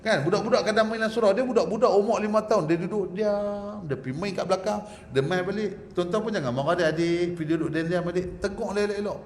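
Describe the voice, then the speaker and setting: A man preaching a religious lecture in a mosque prayer hall. He is lively and joking, often asks the audience to agree with him, and ends with a prayer. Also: high-pitched, fast talker, hardly any pauses. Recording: echoey hall with faint background hum.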